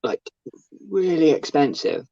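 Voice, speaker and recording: A man's voice: on the high side, big pitch swings, unhurried, creaky, mellow. A man in casual chat as a podcast co-host, rambling and full of fillers. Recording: slightly dull lo-fi recording.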